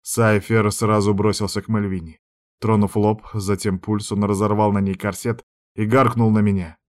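A man's voice: fairly low pitch, little pitch movement, moderate pace, darkish tone. A man narrating a dramatic audiobook in a tense storytelling manner.

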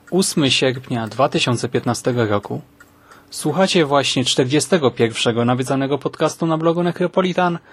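A man's voice: medium pitch, no room sound. A man hosting a conversational film podcast. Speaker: podcast host.

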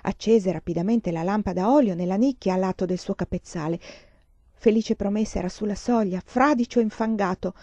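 Woman narrator, audiobook reading, warm dark tone, dull lo-fi recording, expressive. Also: medium pitch, a little fast, no room sound. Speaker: reader.

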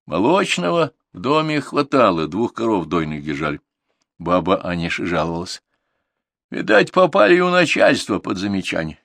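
A male audiobook narrator with a somewhat low voice, telling the story in a calm, even way. The reading is dry and close, with no room around it. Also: gravelly, dry recording.

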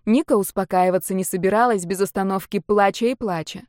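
A woman narrating a romance novel as an audiobook in an even, measured voice. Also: medium pitch, dry recording, studio quality. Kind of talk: scripted narration.

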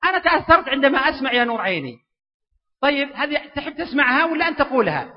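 A man preaches in a very high, rapid voice. He jokes with the audience and coaxes them to respond, and the sound is muffled and echoes through a long hall. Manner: animated, joking, coaxing the audience. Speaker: preacher giving a public lecture. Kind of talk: lively interactive religious lecture. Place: large lecture hall with an audience. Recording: dull, echoey lecture hall recording.

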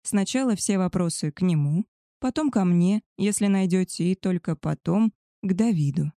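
A woman voicing a composed male werewolf who explains the house rules in a measured, formal way. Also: fairly low pitch, lively intonation, dark tone, dry recording, studio quality.

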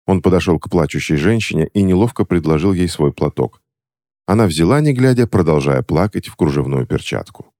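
A man narrating a fantasy novel as an audiobook reader, with expressive storytelling. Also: deep voice, a little fast, no room sound, clean studio sound.

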